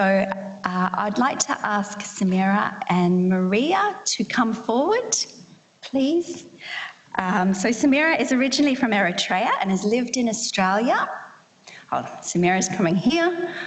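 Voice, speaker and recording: A woman facilitator presenting a clinical case study to an audience in a large hall, explaining in a measured way. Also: medium pitch. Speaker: session facilitator. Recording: reverberant hall.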